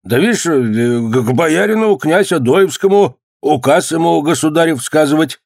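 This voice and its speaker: A man's voice: a little high, expressive, normal speed, creaky, a little mellow, dry recording, studio quality, pitched above the performer's own voice. A man voicing a hesitant older male peasant who stumbles and hedges as he talks. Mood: evasive.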